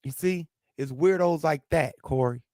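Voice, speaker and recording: A St. Louis man with a lisp and a local South Midwest accent hosts a livestream, ranting heatedly and swearing as he argues with chat commenters. His voice is on the high side and a little mellow, at a moderate pace, in clean studio-quality audio with no room sound.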